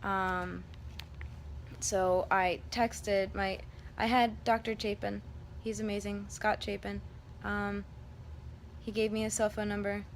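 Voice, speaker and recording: Speaking slowly in a level, medium-pitched voice, a vlogger rambles candidly to her audience about a personal experience. There's room noise behind her.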